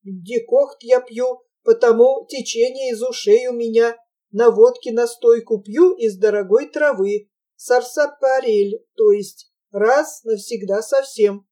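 A woman voicing a sickly little male hotel corridor attendant with a creaky, nasal voice and a slow, drawn-out manner. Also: on the high side, warm tone. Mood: wary.

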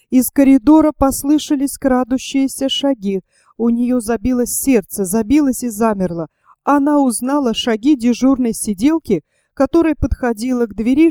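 A woman narrating a novel as an audiobook in a steady, measured reading. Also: high voice, dry recording, clean studio sound.

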